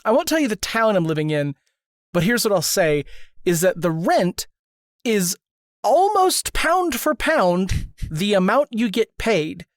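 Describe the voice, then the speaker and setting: A woman's voice: medium pitch, sing-song, a little slow, no echo, clean studio sound. A woman from the Philadelphia area co-hosting a podcast in casual chat, joking playfully and laughing a lot. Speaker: podcast co-host.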